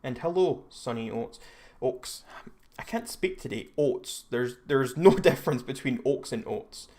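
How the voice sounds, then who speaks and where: A man's voice: medium pitch, lively intonation, a little slow, a little mellow. A young Scottish man hosting a live stream, chatting casually and rambling with frequent restarts and self-corrections. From Scotland. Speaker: livestream host.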